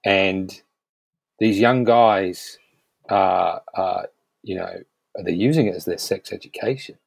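Frank, low-voiced New man. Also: takes it slowly, vocal fry, breathy edge, dry recording. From New Zealand. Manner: frank, emphatic, swears casually. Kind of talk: casual conversational podcast chat.

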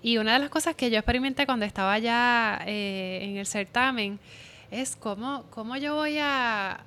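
A woman's voice: a little high, normal speed, sharp tone, smooth. A woman with a Puerto Rican accent hosting a conversational panel interview. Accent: Puerto Rican Spanish. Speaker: interviewer and pageant titleholder. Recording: audible background noise.

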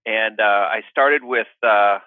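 A man's voice: fairly low pitch, slow pace, dry recording. A middle-aged man chatting casually as an interview guest over a thin, phone-like connection. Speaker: podcast guest, mortgage professional.

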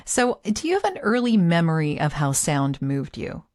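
A woman's voice: deep voice, sing-song, moderate pace, dry recording, clean studio sound. A woman hosting a podcast interview, who laughs easily and speaks appreciatively. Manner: warm, laughs often, appreciative. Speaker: podcast host.

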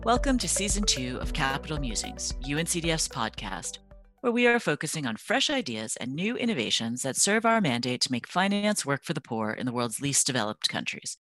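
A woman's voice: very deep voice, a little fast, faint music behind. A woman hosting a podcast, reading a polished introduction and asking questions. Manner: bright, lively, polished. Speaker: podcast host.

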